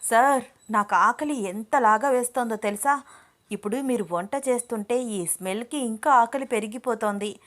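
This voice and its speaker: A woman's voice: fairly high pitch, normal speed, fairly bright tone, natural voice. A woman voicing a playful, cheeky young woman with a teasing, bubbly way of talking.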